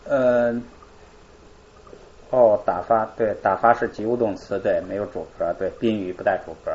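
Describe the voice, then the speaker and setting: A man's voice: lowish voice, steady tone, normal speed, darkish tone, lo-fi sound. A male teacher explaining grammar in a live class, asking questions and answering them himself.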